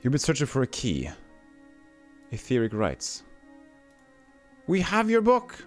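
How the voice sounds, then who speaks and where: A man from Texas, lacking any regional accent, casually streams a retro game, voicing its text and answering his chat. His voice is medium in pitch with wildly swooping intonation and a slightly slow pace, backed by faint music.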